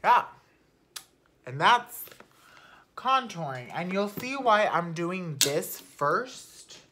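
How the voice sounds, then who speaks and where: A young woman talking casually through her makeup routine at home, chatty and unfiltered, swearing offhandedly and sometimes dropping to a soft murmur. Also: on the low side, big pitch swings, extremely slow, slight background noise. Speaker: beauty vlogger. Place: at home, not in a studio.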